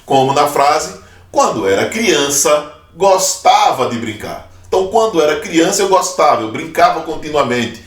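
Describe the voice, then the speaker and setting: A man teaching a grammar video lesson, explaining patiently and slowing down to spell out forms. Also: fairly high pitch, very animated, far from the mic. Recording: echoey room, voice off-mic.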